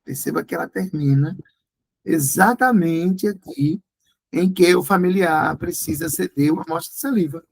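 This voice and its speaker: A man's voice: on the high side, normal speed, vocal fry, slightly rough, poor audio. A Brazilian Portuguese tutor, a man, going through exam questions in a review class. He talks in a didactic way, checks in with his students often, and breaks words into syllables to stress them.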